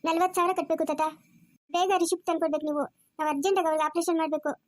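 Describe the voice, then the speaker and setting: A woman's voice: very high voice, steady tone, racing, no echo. A woman voicing a stern, impatient hospital nurse who scolds and demands payment. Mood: businesslike. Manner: scolding, sharp questions.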